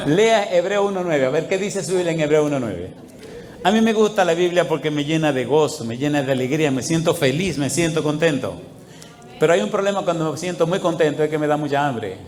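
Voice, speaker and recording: A middle-aged male pastor preaches in a fairly high voice, his sermon ringing around an echoey church hall. He keeps asking the congregation questions and waits for their answers, and he tells his stories with plenty of animation. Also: brisk. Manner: call-and-response questions to the congregation, animated storytelling.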